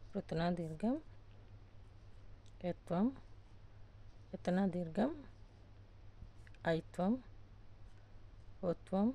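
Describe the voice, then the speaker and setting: Gravelly, mellow-voiced woman teaching. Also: lowish voice. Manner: slow, deliberate syllable-by-syllable recitation; repeats each sound patiently for learners. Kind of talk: step-by-step Telugu alphabet lesson.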